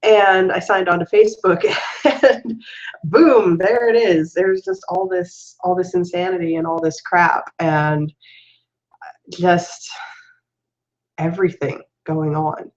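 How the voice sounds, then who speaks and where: A young woman with a cold and a stuffed-up nose talks loosely to her webcam, pausing on fillers and restarting her sentences. Her voice sits low, and the home webcam audio is a little dull and muffled. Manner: rambling, with many fillers and restarts. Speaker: spiritual coach hosting a weekly show. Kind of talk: casual spoken vlog.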